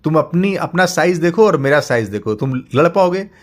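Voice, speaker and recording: A huge demon questions and taunts an intruder in a raised, loud voice, put on by a male narrator. Mocking and sure of himself. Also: a little high, lively intonation, moderate pace, pitched above the performer's own voice, natural voice.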